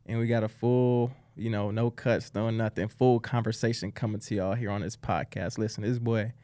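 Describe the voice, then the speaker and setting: A man's voice: lowish voice, fairly even intonation, normal speed, warm tone, no room sound. Frat bro guy doing a podcast interview, super slangy, says bro and my boy a lot, dry sound. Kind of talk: casual hype interview chat.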